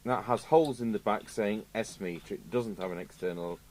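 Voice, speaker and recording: A British man with a lowish, brisk, slightly mellow voice rambles casually at an indoor electronics repair bench, musing aloud to himself like a radio repair technician. His English accent comes through clearly over background noise and an electrical hum.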